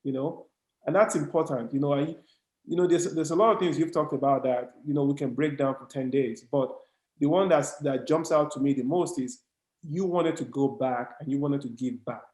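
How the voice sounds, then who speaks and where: A man's voice: medium pitch, moderate pace, darkish tone. Nigerian guy hosting a podcast, earnest, trips over his words, echoey room sound. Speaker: podcast host. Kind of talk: casual interview chat.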